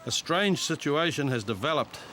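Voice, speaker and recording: A man's voice: a little high, animated, normal speed. A man with a New Zealand accent reading scripted narration for a reality TV police show. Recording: street and traffic noise behind.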